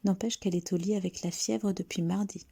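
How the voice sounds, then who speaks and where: A woman voicing a gossiping small-town neighbor who confides scandal in hushed, shocked tones. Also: mid-range voice, steady tone, brisk, vocal fry, husky.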